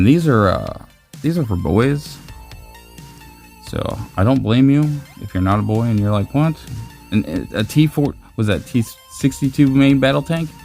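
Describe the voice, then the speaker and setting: A man's voice: on the low side, vocal fry. A man in his forties from the United States, casually commenting while opening trading cards, joking, rambling and swearing freely. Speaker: card-collecting channel host.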